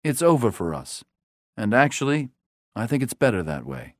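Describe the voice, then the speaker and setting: A man's voice: medium pitch, sing-song, moderate pace, no room sound, clean studio sound, natural voice. A male storyteller voicing a bitter grown man who speaks bluntly and curtly. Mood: cold. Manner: blunt, curt.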